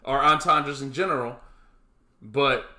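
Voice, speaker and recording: A man's voice: medium pitch, measured pace, sharp tone. A man co-hosting a casual podcast, rambling with frequent restarts and ending lines with "man.". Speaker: podcast co-host. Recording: echoey room.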